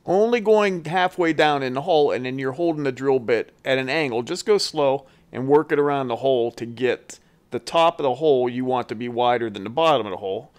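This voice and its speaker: A man's voice: mid-range voice, fairly quick. A man hosting his carving channel, talking through a do-it-yourself build step by step in a casual, folksy voice-over. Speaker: chainsaw carver, channel host. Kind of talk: how-to voice-over.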